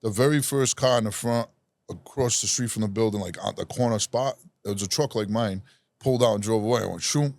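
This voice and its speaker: A podcast guest from Rhode Island, USA, casually tells a long personal story, animated and self-deprecating, acting out the voices of the people in it. His voice is lowish and creaky, and he talks briskly. The recording is dry.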